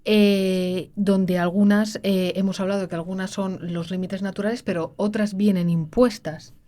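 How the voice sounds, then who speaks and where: A woman's voice: mid-range voice, fairly even intonation, moderate pace, dark tone. A woman co-hosting a podcast, chatting casually and agreeably. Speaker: podcast co-host. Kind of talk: casual chat.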